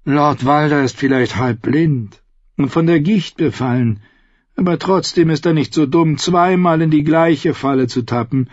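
A cruel outlaw singer, voiced by a man reading the story, speaks in a raised, husky voice with mock courtesy. The sound is dry and close, on a dull, lo-fi recording. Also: a little high, a little slow, dry recording, pitched above the performer's own voice. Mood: wry. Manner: courteous and mocking. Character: mocking outlaw singer, falsely polite, cruel.

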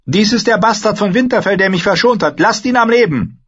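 A man voicing a fierce, loyal young wildling woman in an audiobook, speaking in a raised, forceful voice. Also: high-pitched, expressive, fairly quick, breathy edge, highs cut off, voice pushed up, exaggerated voice. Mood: defiant.

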